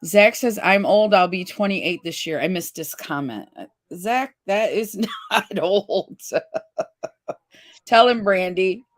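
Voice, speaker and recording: A woman's voice: mid-range voice, slow pace. A woman in her fifties hosting a casual livestream chat, reading viewers' comments aloud. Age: 50s. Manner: chatty, reads viewer comments aloud with laughs. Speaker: livestream host.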